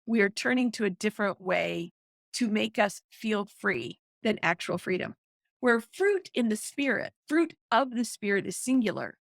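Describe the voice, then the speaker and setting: A middle-aged woman, a guest author and counselor, explaining with excited emphasis in a podcast interview. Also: mid-range voice, normal speed, vocal fry, dry recording, clean studio sound.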